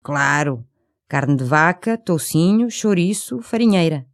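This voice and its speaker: Female language-course reader, European Portuguese, slightly low register, careful scripted delivery. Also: lively intonation, unhurried. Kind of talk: scripted language-lesson dialogue.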